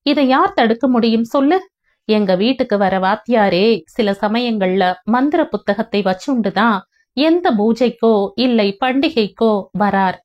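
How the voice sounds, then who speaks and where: A woman's voice: on the high side, expressive, measured pace, lo-fi sound. Soothing young husband in an audio novel, patient and explaining, read by a woman narrator. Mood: reassuring. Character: gentle reassuring young husband.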